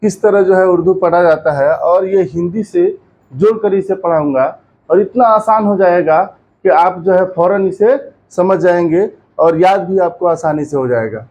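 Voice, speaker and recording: A man's voice: high voice, measured pace, a little mellow, poor audio. A man teaching Urdu letters online, asking a question and then answering it himself, repeating each letter several times. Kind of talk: slow teaching lesson with call-and-response drills.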